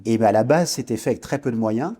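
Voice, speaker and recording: On a podcast, a guest entrepreneur from French Guiana, in his forties, reflects on his career path, stumbling and restarting often. He talks quickly, in a dark voice of medium pitch.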